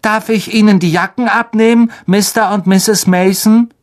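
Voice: medium pitch, steady tone, moderate pace, pitched above the performer's own voice, natural voice. A storybook narrator raising his voice to play a spoiled boy speaking with forced, smarmy politeness.

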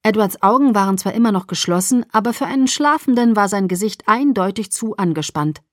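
A woman narrating a novel in the first person, calm and measured. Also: mid-range voice, no room sound, clean studio sound. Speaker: audiobook narrator.

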